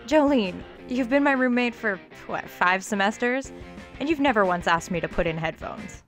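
A woman's voice: on the high side, lively intonation, moderate pace, soft background music, natural voice. An actress playing a young college woman who talks in a dry, teasing way. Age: young adult. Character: young college woman, wry and then alarmed. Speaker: college student.

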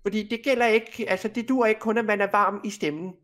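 Man, high voice, playful, bossy, Minecraft role-play. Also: fairly even intonation, fairly bright tone, faint music behind. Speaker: co-player.

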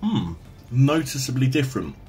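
A man's voice: medium pitch, sing-song, normal speed, darkish tone, soft background music. A man reviewing food in a casual vlog, talking plainly while chewing with his mouth full.

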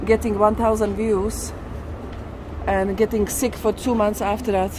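Unhurried and level-toned, a medium-pitched woman narrates a walk as a tour vlogger, chatting casually but emphatically. The recording catches the busy city street around her: urban ambience, traffic and passing vehicles.

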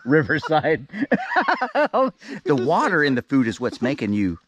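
A man's voice: medium pitch, animated, unhurried, fairly bright tone, lo-fi sound, slight background noise. Joking man at camp. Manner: joking, laughs often. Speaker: vlogger filming a camping trip. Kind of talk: casual chat. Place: wooded riverside campsite outdoors.

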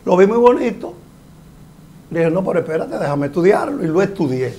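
A middle-aged hydraulic engineer from the Dominican Republic explains a mining project as a guest in a TV studio interview, speaking into a lapel mic. His voice is high, mellow and very animated, and his pace is moderate; he talks emphatically and explanatorily, gesturing with his hands. A little hiss or hum is audible.

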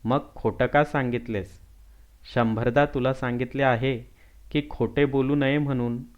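A man's voice: mid-range voice, fairly even intonation, measured pace, highs cut off, natural voice. A man reading as a strict, stern father. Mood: angry. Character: strict, quick-tempered village father.

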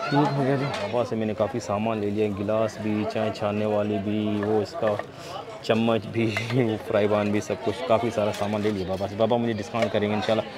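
A man's voice: on the low side, level tone, fairly quick. A man vlogging his shopping trip, chatting and haggling playfully with sellers at an outdoor market. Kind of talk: casual shopping vlog. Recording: busy outdoor market crowd.

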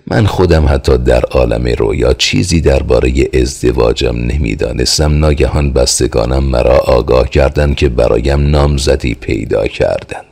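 A worldly male friend who teases and reassures, read by a man in an audiobook. His tone stays easygoing and chiding, very deep and gravelly with a husky grain. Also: darkish tone, exaggerated voice. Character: worldly joking male friend, teasing and persuasive.

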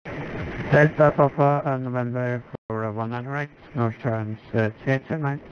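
A man speaking as a pilot, reading back air traffic control instructions over the radio in halting procedural phrases. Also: mid-range voice, steady tone. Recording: dull lo-fi radio audio.

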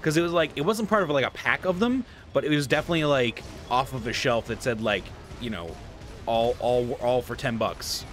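A streamer in his thirties sits at his desk at home chatting casually over a video game, rambling and a little stuffy-nosed. His mid-range voice is expressive and brisk, with faint music behind him.

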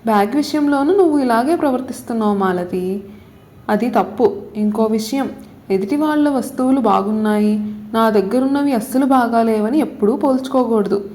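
A woman's voice: on the high side, normal speed, dark tone, lightly acted. Woman reading as a patient mother. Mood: lecturing. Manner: coaxing, explains a lesson. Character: patient, gently scolding mother.

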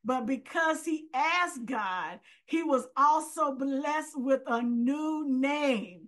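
A woman's voice: high voice, takes it slowly, a bit bright. A woman preacher delivering a fervent sermon, often crying out hallelujah and reading scripture aloud. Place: virtual church gathering.

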